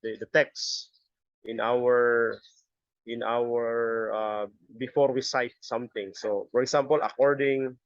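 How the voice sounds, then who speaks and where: A middle-aged man giving a step-by-step software tutorial as an instructor, halting and often repeating his words. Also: mid-range voice, flat delivery, no room sound. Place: busy area, on a video call or webcam setup. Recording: dull lo-fi audio.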